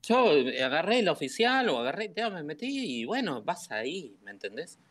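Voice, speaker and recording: A man's voice: high voice, big pitch swings, normal speed, fairly bright tone. A man with a Rioplatense Spanish accent, chatting casually and rambling about a game over voice chat. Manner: rambling, repeats "¿me entendés?". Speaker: gamer chatting with a streamer.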